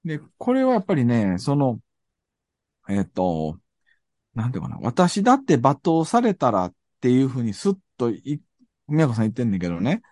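A man's voice: medium pitch, huge pitch swings, brisk, darkish tone, dry recording, clean studio sound. A man with a Kansai accent hosting a reflective discussion, thinking aloud and often searching for his words.

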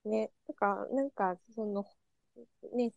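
A soft-spoken woman taking part in a reflective discussion, agreeing and sharing her thoughts. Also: medium pitch, slow, vocal fry, dry recording. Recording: dull lo-fi dry sound.

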